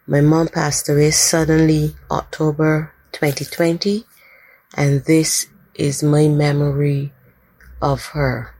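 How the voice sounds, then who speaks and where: A woman from Barbados, slowly and gently sharing a personal memory in a recorded message. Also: deep voice, level tone, no room sound. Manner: slow, gentle, heartfelt storytelling.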